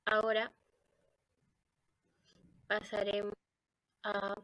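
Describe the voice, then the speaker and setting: A woman with a Latin American Spanish accent talks through a class presentation at a middle pitch. She hesitates often, trips over words and starts them again. Her voice is recorded close and dry on a computer mic. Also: completely flat delivery, extremely slow, a bit bright, no room sound, rough recording. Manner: hesitant, with fillers and self-corrections. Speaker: student presenter. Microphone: computer microphone.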